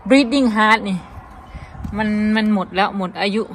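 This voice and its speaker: A woman's voice: mid-range voice, level tone, a little fast, a little hiss or hum. A woman with an Isan Thai accent, chatting casually to her viewers in a vlog while showing a garden outdoors. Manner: chatty, addresses viewers as brothers and sisters. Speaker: vlogger.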